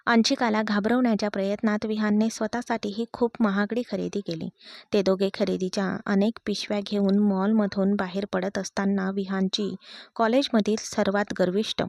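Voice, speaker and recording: A woman's voice: medium pitch, flat delivery, moderate pace, creaky, darkish tone, no echo. Woman narrating a storybook, dry and close.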